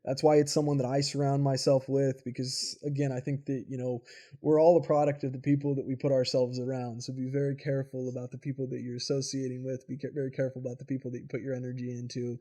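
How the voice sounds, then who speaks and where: Mellow-voiced man hosting a podcast. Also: mid-range voice, level tone, fast talker. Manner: earnest, casual, swears freely. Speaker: podcast host. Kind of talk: casual interview chat.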